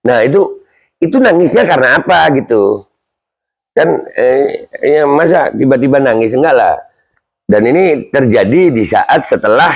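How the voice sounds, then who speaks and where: A man's voice: mid-range voice, breathy edge. Chatty man commenting on news. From Indonesia. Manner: chatty, rhetorical, asks himself questions, reads news aloud. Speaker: channel host commenting on news. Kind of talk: casual commentary vlog.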